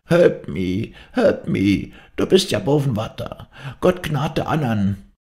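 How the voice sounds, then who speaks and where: A dying old woman in a storybook reading, voiced by a man, crying out shrill and imploring. Her voice sits high above the reader's own, with a gravelly edge. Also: very animated, takes it slowly, darkish tone. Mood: desperate cry. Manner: shrieking, imploring.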